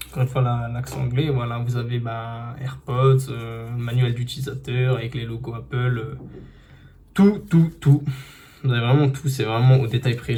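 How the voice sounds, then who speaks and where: A man's voice: mid-range voice, warm tone, a little hiss or hum. A man casually unboxing and reviewing earbuds, chatty with many fillers and restarts, filmed on a phone indoors. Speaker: tech reviewer. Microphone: phone camera.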